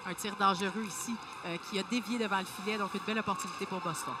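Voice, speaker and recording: A woman's voice: mid-range voice, fairly even intonation, quick pace. A woman working as a hockey colour analyst, explaining replays live in a hesitant, step-by-step way. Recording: very loud arena noise behind voice. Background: hockey arena ambience.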